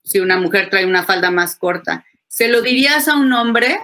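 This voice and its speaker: Bright animated woman. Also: mid-range voice, moderate pace. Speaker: psychoanalyst panelist. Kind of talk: webinar panel discussion.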